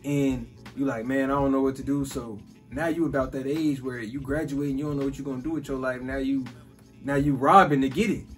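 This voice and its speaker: A man's voice: medium pitch, steady tone, fairly quick, soft background music. A man in his twenties from Chicago, hosting a casual chat about business and money, easygoing and saying "bro" and "like" constantly. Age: 20s. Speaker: podcast host.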